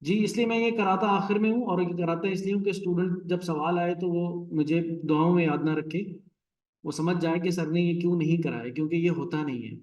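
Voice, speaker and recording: A male teacher gives a classroom lecture, counting out syllables and stresses as he explains. His voice sits somewhat high for a man. He is recorded from a distance in an echoey room. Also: steady tone, a little fast, a little mellow, highs cut off.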